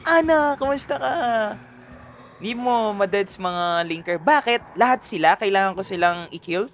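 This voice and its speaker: A man's voice: high-pitched, moderate pace, a bit bright, slight background noise. A man with a Filipino accent doing livestream gameplay commentary, greeting chat viewers by name and mixing Tagalog and English. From Philippines. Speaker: streamer.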